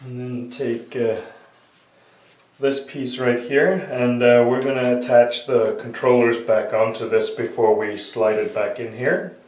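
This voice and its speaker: Working with his hands at a workbench in a small indoor room, a hobbyist repair tutorial maker with a sniffly cold explains a repair step by step, unhurried and full of "uh" fillers. His medium-pitched voice is level and a little mellow. The audio is roomy and distant, as from a camera, with faint noise.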